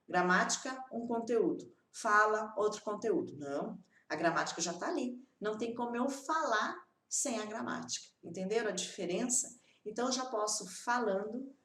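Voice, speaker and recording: A woman teaching in a lively, emphatic way, often checking in with her students with short tag questions. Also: mid-range voice, echoey room, far from the mic. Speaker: English teacher. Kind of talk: teaching video, direct address.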